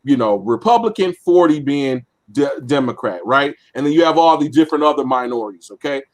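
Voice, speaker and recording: A man's voice: medium pitch, animated, fairly quick. A man co-hosting a casual political discussion, explaining definitions and voting step by step with many fillers. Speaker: podcast co-host.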